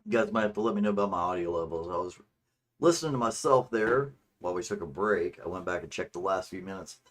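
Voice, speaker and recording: A man with a fairly low voice talks casually to his livestream viewers as a gaming host. His delivery is informal, rambling and a little crude. The microphone gives him a tinny, faintly echoing sound from an untreated room. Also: lively intonation, quick pace, fairly bright tone. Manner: informal, rambling, mildly profane. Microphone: streaming microphone. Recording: tinny, slightly echoing streaming mic.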